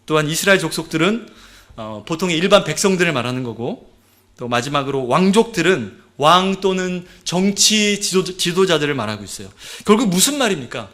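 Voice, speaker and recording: A man's voice: on the high side, animated, a little fast, fairly bright tone. Emphatic male pastor preaching. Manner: emphatic, acts out stern warnings. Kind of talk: sermon.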